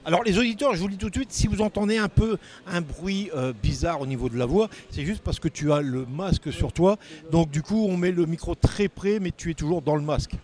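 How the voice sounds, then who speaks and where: A man's voice: high voice, fairly quick, hardly any pauses, a little mellow. A man chats informally and exclaims freely as he conducts a casual radio interview.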